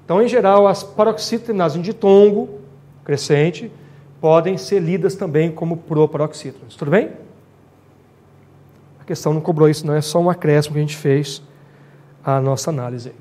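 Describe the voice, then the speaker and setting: High-voiced male teacher. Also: a little fast, pauses often, dark tone. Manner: explanatory, checks in with tag questions. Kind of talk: exam-prep grammar lecture.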